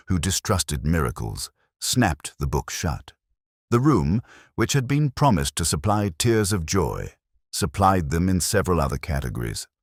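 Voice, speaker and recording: A man narrates a mystery story in scripted, audiobook style, his voice extremely low and slightly rough. He speaks in a measured, dryly wry way with lively rises and falls. The recording is dry and close, with little room around it.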